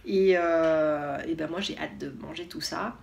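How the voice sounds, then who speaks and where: A woman's voice: sits low, fairly even intonation, a little slow, vocal fry, a little mellow. A woman vlogger chatting casually and enthusiastically as she unboxes products, with lots of hesitation fillers.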